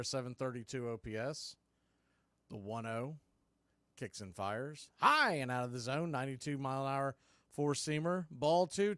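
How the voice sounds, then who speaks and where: A man calls live baseball play-by-play for a fan watch party, an informal, colloquial announcer and open homer who roots for his team. His mid-range voice is a bit bright, captured in a dry recording.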